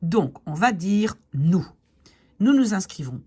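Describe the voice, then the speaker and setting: A woman teaching a grammar lesson step by step, checking in often with her students, slowing down to spell out words and giving encouragement. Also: mid-range voice, very animated, darkish tone, slightly rough. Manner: slows down to spell out Dutch words. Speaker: Dutch teacher.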